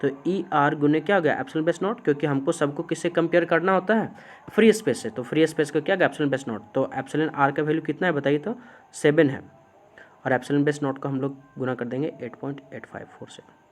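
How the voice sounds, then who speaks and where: A male physics teacher, giving a classroom lecture. He keeps asking the class questions, answers them himself, and slows down to dictate definitions. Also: fairly high pitch.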